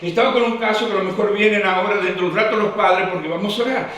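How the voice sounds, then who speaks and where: Fervent high-voiced pastor preaching. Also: male voice, fast talker, fairly bright tone. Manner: fervent, repetitive preaching cadence. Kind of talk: sermon. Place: church hall. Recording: echoey hall, distant mic.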